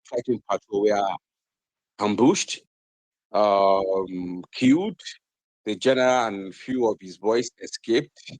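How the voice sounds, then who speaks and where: A lowish-voiced man with a Nigerian accent argues a heated political point as a guest on a TV debate. Impassioned, he repeats phrases for emphasis and uses many fillers. The recording is dry and low in quality.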